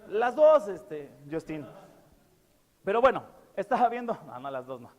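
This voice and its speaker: A man preaches in a fairly high voice, earnest and fond of repeating his key words. He leans on fillers between phrases. His sermon rings with the long reverb of a church hall. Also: big pitch swings, measured pace, darkish tone. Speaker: pastor.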